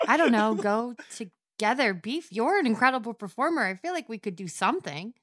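A giggly, gushing woman at a tabletop game, her voice a little high and recorded dry and close. She talks warmly to the other players. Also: animated, fairly quick, dry recording.

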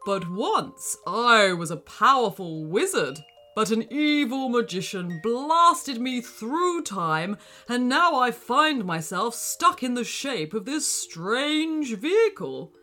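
A woman's voice: a little high, big pitch swings, slow pace, sharp tone, faint music behind, heavily acted. A woman voicing a proud old male wizard trapped inside a racing car, with a grand, kindly storybook delivery. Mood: warm, grand.

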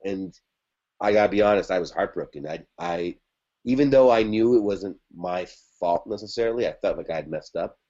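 Talking about an ex in a casual podcast chat, a man with a fairly low, mellow voice and lively intonation speaks briskly. His storytelling meanders, with many fillers and restarts, over a muffled recording.

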